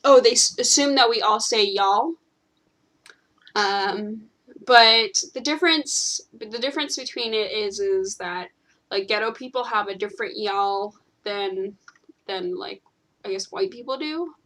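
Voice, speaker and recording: A woman's voice: medium pitch, normal speed, sharp tone. A young woman from California chatting casually while gaming, rambling with many ums and restarts. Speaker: channel host.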